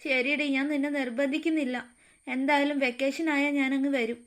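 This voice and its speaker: A woman's voice: high voice, fairly even intonation, brisk, lightly acted. Woman voicing an affectionate teen friend in a cartoon. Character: affectionate teenage girl friend.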